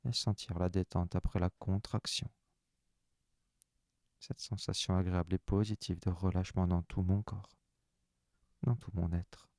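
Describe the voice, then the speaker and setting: Deep-voiced man guiding slow relaxation. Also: no echo. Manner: calm, soft, unhurried first-person instructions. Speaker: relaxation guide. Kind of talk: guided relaxation session.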